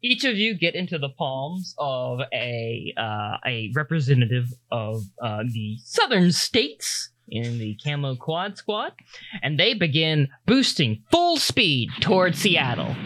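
A man improvising narration as game master of a tabletop game, in a halting, loose way. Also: a little high, big pitch swings, noisy background.

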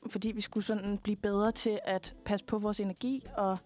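A young woman talks in a relaxed, unhurried way, often pausing with fillers as she searches for words. Her voice sits at a middle pitch. Faint music plays underneath. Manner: relaxed, hesitant with many fillers. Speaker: guest singer. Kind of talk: casual interview chat.

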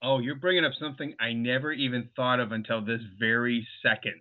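A man's voice: medium pitch, steady tone, brisk. Amused man on a tinny remote line. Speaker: podcast guest. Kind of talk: casual film discussion.

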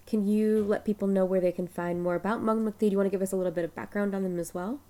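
A woman's voice: mid-range voice, fairly even intonation, rapid-fire, warm tone. A woman hosting a podcast, talking in a friendly, loose way with many fillers. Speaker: podcast host. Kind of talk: casual chat.

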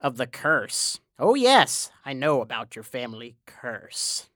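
Woman putting on a scheming thin stranger, lowered voice, slow coaxing, bright edge, dry. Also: big pitch swings, no room sound, exaggerated voice. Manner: wheedling, slow and persuasive. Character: thin, sly, scheming little man.

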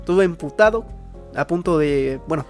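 A young Mexican man talks in a high, slangy ramble as he recaps a story in casual chat. He cuts in with loose asides, and faint music plays under his voice. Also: moderate pace, a little mellow. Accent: Mexican Spanish. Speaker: podcast co-host recapping anime.

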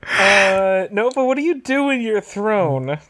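Gm running the table, quick short questions, mid pitch. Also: sing-song, crowd noise. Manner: brief, prompting questions. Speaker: game master.

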